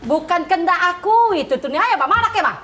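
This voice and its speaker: A woman's voice: very high-pitched, expressive, brisk. A young woman as a brash heckling neighbour. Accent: Palembang. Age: young adult. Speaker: student actor in a TV comedy sketch. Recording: echoey stage with loud audience noise.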